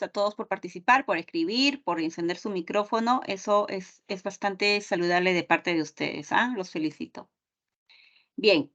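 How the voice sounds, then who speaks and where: Woman teacher on a muffled class call. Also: mid-range voice. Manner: explanatory, with frequent checking tags like ¿ya? and ¿no?. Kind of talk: online class lecture. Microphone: computer mic on a video call. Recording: dull lo-fi online call audio.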